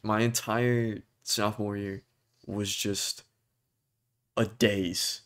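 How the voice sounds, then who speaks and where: Young male vlogger, low-set voice, hesitant and earnest, stumbles and restarts while searching for words. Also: level tone, fairly bright tone. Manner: halting and hesitant, many restarts and fillers. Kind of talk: personal talk to camera.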